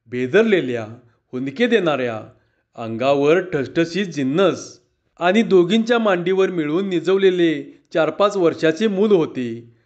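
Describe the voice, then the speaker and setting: A male storyteller narrates a village tale in a measured, dramatic way. His voice sits fairly high for a man, and the recording is dull and lo-fi. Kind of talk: performed rural story narration.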